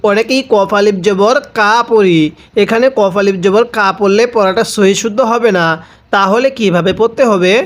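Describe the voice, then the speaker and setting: A man's voice: sits high, fairly even intonation. A man with a Bangladeshi Bengali accent teaching Quran recitation, stretching out the Arabic words in a melodic chant and asking the learner again and again how each phrase is read. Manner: drawn-out melodic recitation of Arabic words between brisk explanations; repeats himself and asks the viewer how to read each phrase. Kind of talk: spelling-out Quran recitation lesson.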